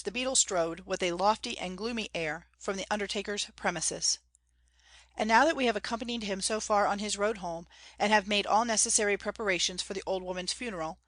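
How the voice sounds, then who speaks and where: A woman narrating a classic novel as an audiobook in a measured, expressive reading. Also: medium pitch, dry recording. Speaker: audiobook reader.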